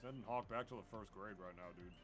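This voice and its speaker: A man with a lowish voice calling a fighting game match live, excitable and earnest, tripping over repeated words when he gets going. Faint game music plays under him. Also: quick pace. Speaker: esports co-commentator. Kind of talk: casual live game commentary.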